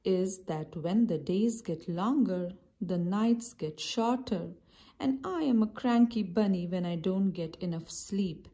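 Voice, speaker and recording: A woman's voice: mid-range voice, unhurried, dark tone. A woman voicing a grumbling, reluctant male rabbit in a children's storybook, with a complaining manner. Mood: cranky.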